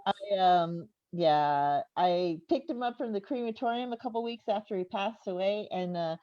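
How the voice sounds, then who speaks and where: Recorded dully and echoey at a live venue, this stand-up comedian in her fifties talks to the crowd in a conversational way, frequently laughing at her own material. She speaks at normal speed with a mid-range voice and a dark tone.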